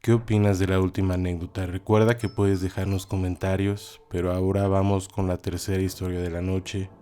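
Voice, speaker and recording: Low, dark-voiced male podcast host. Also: flat delivery, a little fast. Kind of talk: scripted narration. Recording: voice over faint music.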